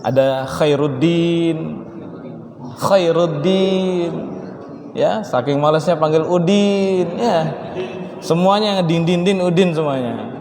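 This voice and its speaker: A man teaching Quran recitation rules to a mosque class, joking and teasing his students and drawing out the recited words slowly. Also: on the high side, a little mellow. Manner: playful, teasing, mimics exaggerated greetings, slow drawn-out recitation. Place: mosque hall. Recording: echoey mosque hall with long reverb.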